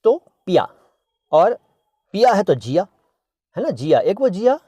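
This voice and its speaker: A man's voice: high voice, sing-song, a little slow, warm tone, breathy edge, dry recording. A man hosting a casual Hindi and Urdu language lesson, playfully repeating words to correct pronunciation and humming bits of old songs. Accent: Indian Hindustani. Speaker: language teacher and channel host.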